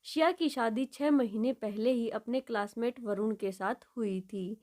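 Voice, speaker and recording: Woman storyteller with a higher voice. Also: a little slow, a little mellow. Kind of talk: story narration.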